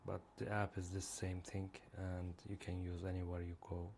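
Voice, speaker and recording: A low, darkish, creaky voice belongs to this Turkish-accented app creator, who speaks in a monotone at a moderate pace. He hesitantly walks viewers through his reading app in a screen-recorded demo with many fillers, and a little hiss or hum is audible.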